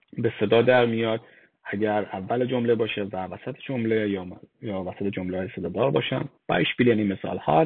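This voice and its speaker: A man teaching German pronunciation slide by slide, explaining slowly and spelling out vowels one by one with hesitant fillers. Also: medium pitch, vocal fry, breathy edge, no room sound. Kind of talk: slide-based language lesson. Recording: dry, phone-like lo-fi voice-over.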